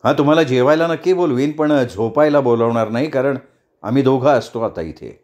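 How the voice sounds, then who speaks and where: A man's voice: mid-range voice, animated, fairly quick, a little mellow, close to an everyday voice. A man voicing a good-humored, easygoing husband in a storybook reading, playful.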